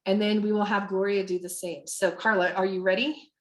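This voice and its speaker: A woman hosts an online training session, chatty and upbeat, with plenty of ums and restarts. Her voice sits at a middling pitch. The call audio is roomy. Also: little pitch movement, a little fast. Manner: upbeat, chatty, many fillers. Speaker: webinar trainer.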